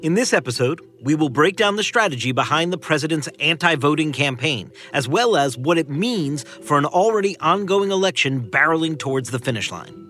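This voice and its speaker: A man's voice: a little high, lively intonation, brisk, hardly any pauses, bright, forceful tone, faint music behind. A man co-hosting a political news podcast, giving emphatic conversational analysis and repeating key phrases for weight. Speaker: podcast co-host, political director.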